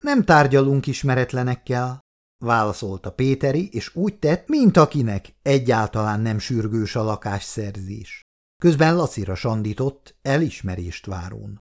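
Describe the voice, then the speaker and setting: A man reading a story aloud as narrator in an expressive way. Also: fairly low pitch.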